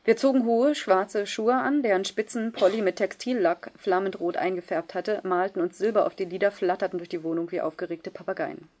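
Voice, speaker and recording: A woman reading a first-person novel aloud in a measured, subdued way. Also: mid-range voice, steady tone, darkish tone. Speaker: audiobook reader. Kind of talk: scripted first-person narration.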